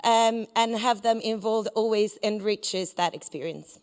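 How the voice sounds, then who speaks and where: A woman's voice: medium pitch, a little slow, a little mellow, smooth. A woman explains her work in answer to a question at a conference in a large hall. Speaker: conference presenter.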